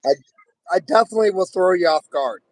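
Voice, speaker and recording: A man hosting a live stream in casual chat, joking and rambling, with a quick wit. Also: high-pitched, lively intonation, no room sound. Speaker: stream host.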